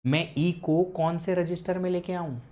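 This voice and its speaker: सवाल पूछता हुआ ऑनलाइन शिक्षक. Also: male voice, on the high side, fairly even intonation, normal speed, dark tone. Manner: quizzes students, mixes English into Hindi. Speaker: teacher. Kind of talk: live online lecture.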